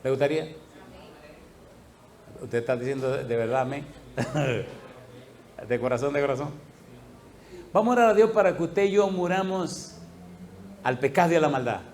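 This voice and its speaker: A male pastor preaching a sermon, telling a story with lively laughter and acted-out voices. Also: medium pitch, normal speed, pauses often. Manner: animated, laughing, acting out quoted voices.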